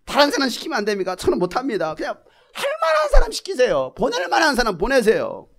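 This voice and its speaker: A man's voice: very high voice, animated, racing, a bit bright, voice pushed up. A man doing a whiny, pleading Moses. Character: reluctant Moses, pleading and making excuses.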